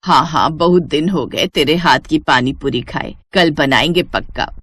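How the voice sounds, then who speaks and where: A woman's voice: low voice, normal speed, a bit bright, slightly rough, no echo, clean studio sound, pitched below the performer's own voice. A woman playing a fussing old village mother. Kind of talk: cartoon storybook voice acting.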